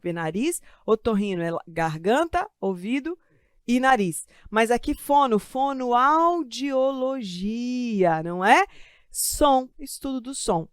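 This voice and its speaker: Brazilian woman, grammar teacher, fairly high voice, dry close sound, chatty and joking, draws out key words. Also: clear, resonant tone, no room sound. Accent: Brazilian Portuguese. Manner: lively, stretches key words slowly for emphasis; chatty asides and self-joking humor. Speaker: Portuguese teacher for exam prep. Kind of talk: live online grammar lesson. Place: studio with a desk of computers.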